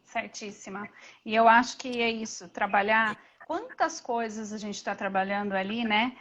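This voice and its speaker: A Brazilian mother talks in a lively, animated way, often restarting her phrases. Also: mid-range voice, moderate pace. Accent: Brazilian Portuguese. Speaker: guest, mother. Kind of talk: casual conversation. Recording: dull lo-fi audio with faint noise.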